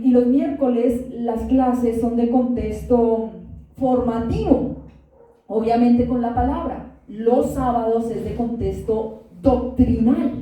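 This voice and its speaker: A woman's voice: a little high, dark tone, far from the mic. A woman pastor preaching a sermon, giving testimony and asking the congregation questions. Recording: very echoey room, voice from afar.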